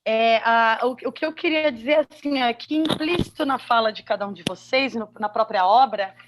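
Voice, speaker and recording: Female moderator, Brazilian accent, slightly high voice, informal live panel delivery. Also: normal speed, slight background noise. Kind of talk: informal live moderation, reading audience questions.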